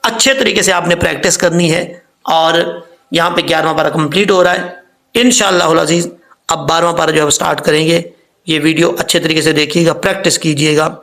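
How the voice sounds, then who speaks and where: A man with a Pakistani accent teaching Quran recitation, explaining quickly, then drawing out recited words and spellings slowly. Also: fairly high pitch, fairly even intonation, fairly bright tone.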